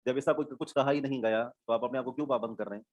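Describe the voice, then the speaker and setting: A man's voice: medium pitch, fairly even intonation, quick pace, darkish tone, no room sound. A male Islamic studies teacher giving an online class lecture, explaining terms step by step, repeating them and checking that students follow.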